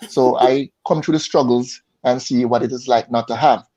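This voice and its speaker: A mellow Jamaican insurance advisor answers interview questions casually over an online call whose audio sounds dull, muffled, and lo-fi. He speaks haltingly in a mid-range voice with fairly even intonation, repeating words as he searches for them.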